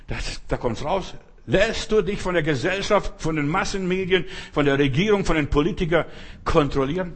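A pastor preaching an emphatic sermon full of rhetorical questions. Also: male voice, on the high side, breathy edge.

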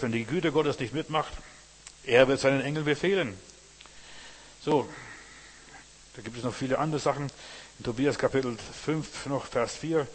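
A man's voice: mid-range voice, breathy edge. A man preaches in a loose, conversational way, drifting between Bible stories and his own anecdotes. He keeps checking in with his listeners, asking whether they follow him. His voice rings out with a long reverb, as in a large hall. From not from Berlin. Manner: rambling, keeps asking "verstehst du?". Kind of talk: informal sermon with Bible reading.

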